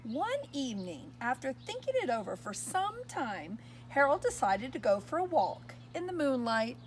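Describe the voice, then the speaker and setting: A woman reading a picture book aloud to young children, expressive and pausing to ask her listeners questions. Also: sits high, slight background noise. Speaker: storyteller.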